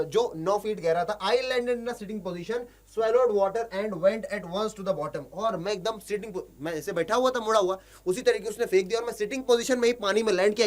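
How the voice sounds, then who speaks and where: A young male teacher with a fairly high voice. He reads the English text in slow, drawn-out phrases, then switches to brisk Hindi explanation, and he keeps things light with jokes for his students. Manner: jokey asides to students.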